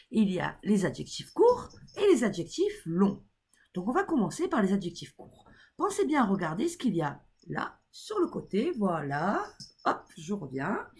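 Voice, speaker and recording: Husky-voiced teacher woman, lively pitch. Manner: encouraging, checks in with the class often; spells letters slowly and points to the board. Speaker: English teacher. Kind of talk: grammar lesson for a class.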